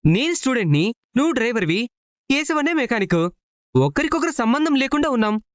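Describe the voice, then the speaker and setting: A man's voice: very high voice, very animated, fairly quick, dry recording. An actor playing a blunt, sarcastic young male student.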